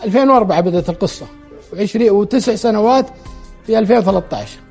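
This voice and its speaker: A man's voice: sits high, racing, a little mellow, slightly rough, soft background music. A man telling a true story aloud, relaying the dialogue in quotes and often restarting his words. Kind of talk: spoken storytelling.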